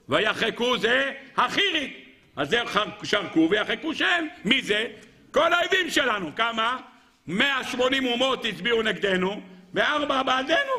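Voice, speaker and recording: A man giving a Torah sermon as a rabbi, emphatic, asking the audience rhetorical questions and swinging between a raised voice and a low one. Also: bright, forceful tone.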